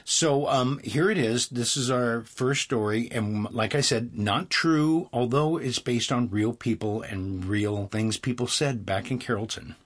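A man's voice: medium pitch, a little slow, few pauses. A man hosting his show and telling a story live to an audience, with a wry, playful delivery. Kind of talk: live storytelling and casual intro. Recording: reverberant live church hall.

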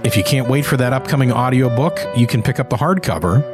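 A man's voice: mid-range voice, lively intonation, fast talker, music in the background. A man hosting a podcast in a scripted presenter style. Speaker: podcast host and narrator.

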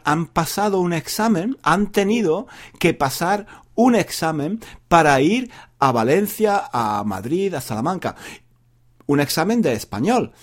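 A male university Spanish teacher from talks to learners at a very deliberate pace, repeating each phrase. His pitch sits a little high and swings widely, and he slips in playful jokes. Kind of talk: slow, repetitive Spanish practice monologue for learners.

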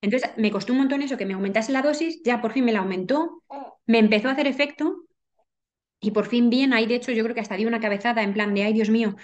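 A woman recounts a personal story as an interview guest, in a rapid, earnest flow full of restarts and repeated words. Her voice sits a little high, and she talks very quickly. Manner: rapid, earnest telling with frequent restarts and repetitions.

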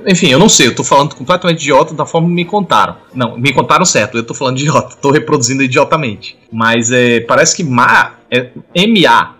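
Brazilian male podcast co-host, husky voice, loose rambling banter. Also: medium pitch, lively intonation, quick pace, hardly any pauses, bright, forceful tone. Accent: Brazilian Portuguese. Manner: chatty, trails off and restarts, imitates sounds of languages. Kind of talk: casual chat.

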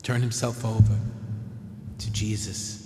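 A man's voice: on the low side, little pitch movement, faint music behind. Man preaching in an echoey church. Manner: measured, gentle preaching with slow emphatic pauses. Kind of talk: sermon. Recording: echoey hall with long reverb.

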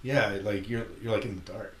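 A man co-hosting a podcast, telling a story in a halting, casual way. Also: fairly low pitch, steady tone. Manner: halting, warm anecdotal telling. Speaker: podcast co-host. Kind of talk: casual chat. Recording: echoey room with faint hiss.

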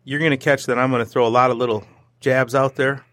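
A man in casual conversation who rambles from story to story, jokes often and stumbles over his words. He speaks at a middle pitch and tosses in little sound effects as he goes. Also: quick pace, dry recording. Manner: animated, joking, rambling with restarts; throws in playful sound effects. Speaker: interview guest.

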